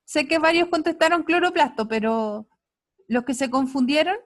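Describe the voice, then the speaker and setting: A woman's voice: high voice, lively intonation. Chilean lady teaching science online over a computer mic, keeps checking in and cheering the kids on. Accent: Chilean Spanish. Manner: checks in often with quick tags, upbeat praise. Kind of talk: online class.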